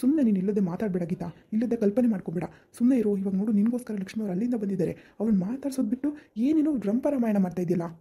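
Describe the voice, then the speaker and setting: A loyal, stern husband who scolds his angry wife in rapid bursts, as a woman acts him out. The voice is dark and very husky, and the words tumble out fast. This is an amateur village drama. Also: mid-range voice, lively intonation. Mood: scolding. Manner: scolding, pleading, fast and insistent. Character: grown man, loyal friend, stern husband.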